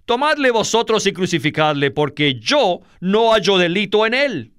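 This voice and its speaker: A man voicing a stern, questioning Roman governor in a Bible reading, measured and deliberate. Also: sits high, sing-song, fairly bright tone, clear, resonant tone, no echo, clean studio sound, voice pushed up.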